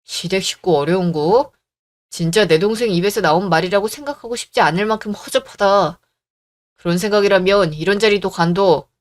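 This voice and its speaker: A man's voice: high voice, brisk, lightly acted. A performer voicing an angry older brother who scolds his sister to defend his wife, in a radio drama. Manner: stern, scolding.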